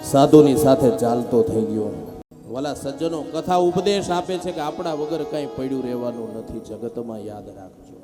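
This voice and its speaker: A man preaching a devotional sermon as a lively storyteller who acts out the characters in his parable. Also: mid-range voice, moderate pace, over music. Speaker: scripture reciter.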